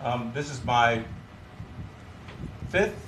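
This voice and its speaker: A man's voice: medium pitch, animated, extremely slow, a bit bright, roomy sound, slight background noise. Hesitant man, stage actor. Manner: hesitant, with restarts. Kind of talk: talk show interview.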